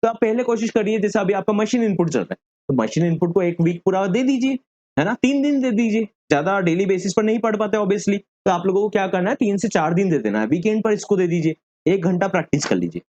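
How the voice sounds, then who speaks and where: Man, exam coach, direct study-plan advice, English phrases mixed in, higher voice, dry dull sound. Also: lively intonation, brisk, darkish tone, dry recording. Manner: direct, mixes English phrases into Hindi, frequent "है ना" tag. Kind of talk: study-plan talk to students.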